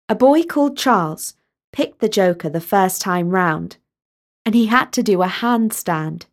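A woman narrating a storybook in a measured, expressive way. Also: mid-range voice.

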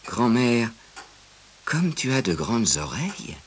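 A man's voice: medium pitch, sing-song, slow pace, a little hiss or hum, voice pushed up. A man voicing a sweet, innocent little girl in a storybook reading, in a raised, sing-song voice. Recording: music bed under voice.

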